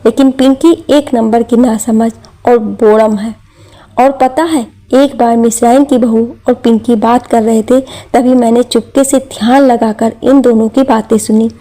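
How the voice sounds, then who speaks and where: A woman's voice: fairly high pitch, steady tone, unhurried, dark tone. A woman telling a family drama story in scripted narration, reading every character's lines in her own voice.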